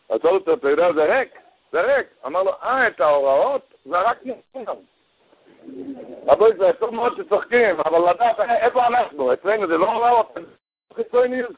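A man giving a storytelling sermon, animated, his voice leaping high whenever he acts out the people in his story. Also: breathy edge. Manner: animated storytelling, voice jumping high for quoted characters. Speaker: rabbi giving a Torah talk. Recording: tinny phone-like radio broadcast.

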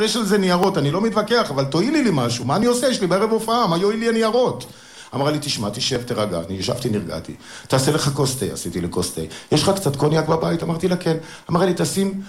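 Male comic, middle-aged, lively storyteller, pitched a bit high. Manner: animated, acts out other people's voices in quotes. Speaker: stand-up comedian. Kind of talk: stand-up storytelling to an audience. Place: stage before a live audience.

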